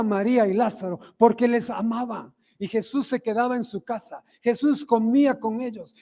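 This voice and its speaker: A pastor with an Ecuadorian accent preaches a sermon in a high, ringing voice, often turning to ask the congregation questions. His words trail off into the long echo of a church hall. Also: darkish tone. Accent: Ecuadorian Spanish. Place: church sanctuary.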